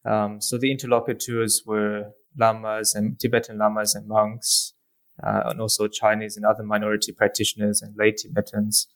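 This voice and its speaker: Hesitant low-voiced Australian man. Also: completely flat delivery, normal speed. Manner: hesitant, many ums and uhs. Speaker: guest author, lecturer. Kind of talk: academic interview answers.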